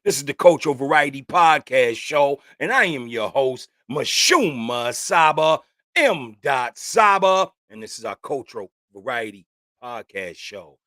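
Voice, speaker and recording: A man's voice: medium pitch, big pitch swings, unhurried, sharp tone, dry recording, studio quality. A man hosting a casual opinion podcast, talking in a loose, slangy, rambling way. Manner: loose, slangy and talkative, with frequent "man" and "you know what I'm saying". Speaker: podcast host.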